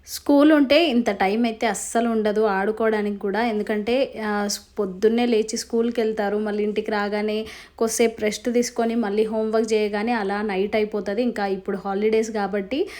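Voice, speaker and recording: A woman, a vlogging mother who gently coaxes and soothes her child, then chats to the camera. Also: medium pitch, steady tone, a little fast. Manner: gentle, coaxing.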